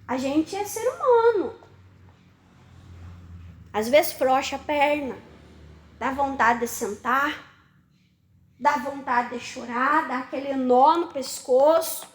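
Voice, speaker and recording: A woman's voice: high-pitched, fairly bright tone. A woman preaching a sermon, emphatic, repeating phrases and firing questions at the congregation. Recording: echoey room.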